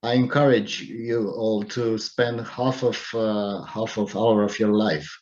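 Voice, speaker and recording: A man's voice: on the low side, steady tone, a little slow, darkish tone. A man from Romania on an online panel, hesitant with fillers. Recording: dull lo-fi call audio.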